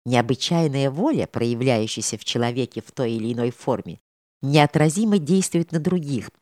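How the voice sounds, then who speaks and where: Very low-voiced woman reading a story. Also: no echo, studio quality. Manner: measured, expressive storytelling. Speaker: reader. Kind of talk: audiobook narration of a historical novel.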